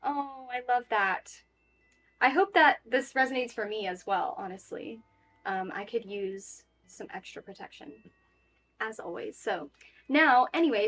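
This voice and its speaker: A woman with a somewhat high voice gives a chatty, reassuring tarot reading. Her talk is loose and casual, full of fillers. Quiet music plays underneath. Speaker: tarot reader.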